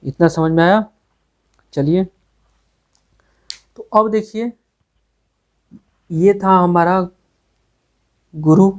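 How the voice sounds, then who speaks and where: A man's voice: high voice, drawn-out words, long pauses. A male teacher giving a grammar lesson, asking questions and answering them himself with many repetitions. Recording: tinny phone-like recording.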